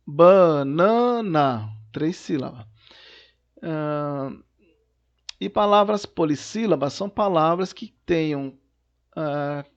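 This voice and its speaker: A man's voice: on the high side, lo-fi sound. A male teacher recording a lesson at home, patiently explaining worksheet questions and often checking in with "né" and "tá". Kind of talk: recorded remote class lesson.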